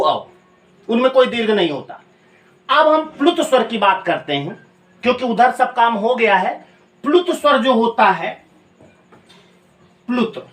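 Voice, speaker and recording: A man's voice: very high voice, a bit bright. Male Hindi teacher, echoey distant classroom. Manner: asks the class questions and answers them himself; repeats key phrases slowly for note-taking. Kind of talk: classroom lecture. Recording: echoey room, voice from a distant mic.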